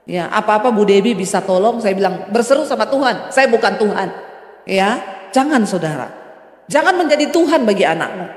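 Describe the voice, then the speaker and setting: A woman pastor preaching a sermon, emphatic and rising to exclamations, chuckling as she goes. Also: medium pitch. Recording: echoey church hall reverb.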